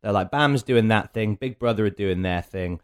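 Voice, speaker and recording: A man's voice: on the low side, normal speed, clean tone. A man with a British accent hosting a casual interview, chatting informally with his guest. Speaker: podcast host.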